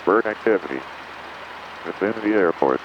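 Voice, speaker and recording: A man's voice on an automated airport weather broadcast, reciting wind, clouds and runway information in a flat, recited way over an aircraft radio. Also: deep voice, normal speed. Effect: airport weather broadcast heard over aircraft radio. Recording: muffled aircraft radio under engine noise.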